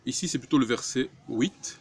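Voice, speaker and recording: A man giving a Bible study talk, reading scripture aloud and explaining it in short, deliberate phrases. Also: mid-range voice, lively intonation, slight background noise. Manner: slow, deliberate, breaks phrases into short pieces; reads Hebrew words aloud louder, word by word. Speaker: religious teacher.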